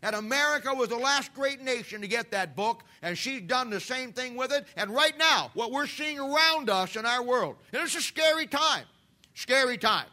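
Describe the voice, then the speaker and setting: A man in his fifties preaches to his church in a fervent, folksy way, circling back on his phrases. His voice sits high for a man and comes across sharp and forceful. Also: lively intonation, normal speed, few pauses. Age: 50s. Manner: impassioned preaching with folksy asides and repetitions. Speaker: pastor. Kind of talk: sermon.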